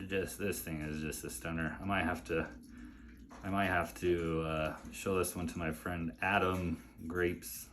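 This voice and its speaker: A man's voice: sits low, little pitch movement, a little slow, noisy background. A man casually unboxing and admiring a collection, chatting along and talking to his pet between items. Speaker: collector showing a mail delivery.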